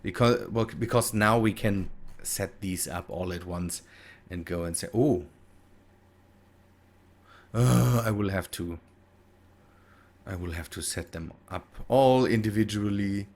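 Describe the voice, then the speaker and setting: A German-accented man, a native German speaker, hosts a gaming video and gives casual commentary, thinking aloud hesitantly and correcting himself. His voice is lowish and somewhat dark, and he speaks slowly with long pauses.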